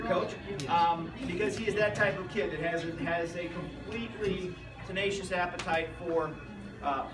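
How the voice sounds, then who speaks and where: Middle-aged American male coach, high-pitched, rambling informal tribute speech, echoey distant recording under loud music. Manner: rambling, anecdotal. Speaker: youth football coach. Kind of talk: informal banquet speech honoring a player. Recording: roomy, distant mic, loud music behind.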